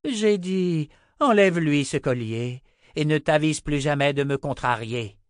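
A man's voice: medium pitch, animated, measured pace, clear, resonant tone, no room sound, studio quality, pitched above the performer's own voice, natural voice. A man voicing a cold, mocking young woman warrior who gives clipped commands. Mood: menacing.

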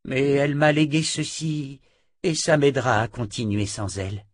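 A man voicing a sorrowful, grieving man speaking quietly. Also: medium pitch, normal speed, voice pushed up, natural voice. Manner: mournful, subdued.

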